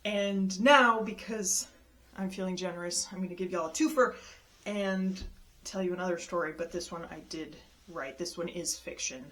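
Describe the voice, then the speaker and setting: Animated woman telling a story. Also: moderate pace. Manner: animated, acts out quoted people with jumps in pitch; exasperated retelling of a travel mishap. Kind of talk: casual spoken storytelling.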